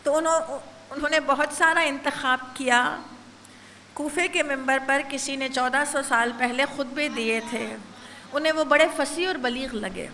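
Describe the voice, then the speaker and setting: At a women's majlis in a gathering hall, a zakira gives a religious lecture in a high, bright, forceful voice. She is earnest and poses rhetorical questions to the listeners. The recording has long hall reverb and faint noise.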